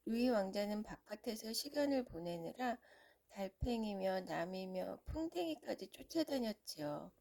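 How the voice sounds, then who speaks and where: A woman's voice: on the high side, gravelly, warm tone. A woman reading a storybook aloud to a young child in a storytelling manner. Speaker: storybook reader.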